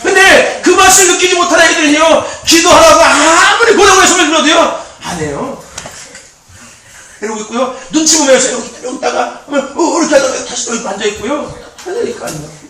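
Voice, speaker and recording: High-voiced man preaching in an echoey hall. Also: fairly quick. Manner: animated, repetitive, laughing often. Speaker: youth pastor. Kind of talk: sermon. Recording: very echoey, distant mic.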